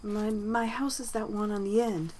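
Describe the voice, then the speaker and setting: A woman voicing a shy little kitsune girl who speaks softly, stammering and near tears. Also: a little high, expressive, a little slow, a little hiss or hum, pitched above the performer's own voice, low-quality recording. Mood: shy, tearful. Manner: soft, whimpering, stammering.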